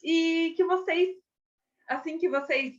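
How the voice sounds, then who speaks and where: A young adult Brazilian woman teaching a casual theater lesson, chatty and expressive, often checking in with her listeners. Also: very high-pitched, slow. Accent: Brazilian Portuguese. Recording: slightly dull lo-fi audio.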